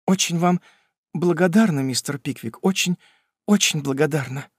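A man voicing a frightened, tearful young lady in a very high, trembling, pleading voice. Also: normal speed, husky, no echo, studio quality.

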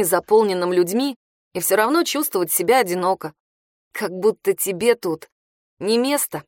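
A woman narrating a first-person novel in a wry, expressive way. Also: mid-range voice, dry recording, studio quality. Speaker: audiobook narrator.

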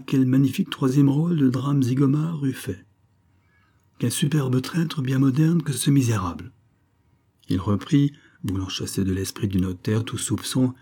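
A man narrating a novel as an audiobook, in a measured, expressive way. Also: fairly low pitch, slightly rough. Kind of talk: novel reading.

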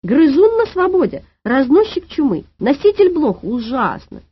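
A woman playing a pompous middle-aged lady inspector in an audiobook, shrill and quick to panic. Her pitch swings up into high squeals, and the voice has a husky edge. The lo-fi recording is dry and dull. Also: wildly swooping pitch, full character voice. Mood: shrieking. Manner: shrill, pompous and easily alarmed.

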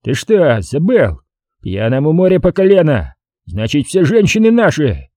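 A man's voice: fairly high pitch, huge pitch swings, measured pace, warm tone, no room sound, studio quality, voice pushed up. A man voicing a drunk, brawling lieutenant colonel who blusters and picks fights, in an audiobook reading. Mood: rowdy.

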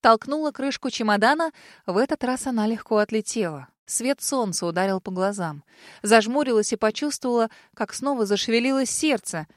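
Higher-voiced woman narrating an audiobook. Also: animated, brisk, no echo, clean studio sound. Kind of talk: first-person audiobook narration.

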